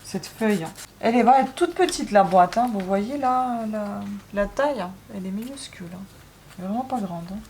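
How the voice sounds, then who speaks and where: A woman's voice: medium pitch, a little fast, darkish tone, a little hiss or hum. A woman vlogging casually while building a craft, joking and grumbling with lots of asides. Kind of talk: casual chat vlog.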